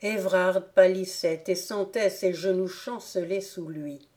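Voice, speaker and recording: A woman narrating a classic novel as an audiobook, calm and measured. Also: lowish voice.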